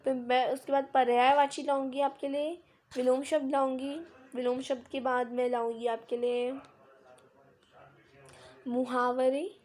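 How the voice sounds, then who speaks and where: A woman's voice: sits high, little pitch movement, a little slow, darkish tone. A woman teaching Hindi grammar in a screen-recorded lesson, patiently explaining with simple examples and quiz questions. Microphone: device mic of a screen recording.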